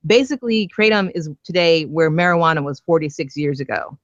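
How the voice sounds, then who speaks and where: A woman's voice: low voice, brisk, no echo, dull audio. Earnest woman calling in to a radio show. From Northern Virginia. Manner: earnest, explanatory, many fillers. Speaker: guest caller, activist. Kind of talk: phone-in interview.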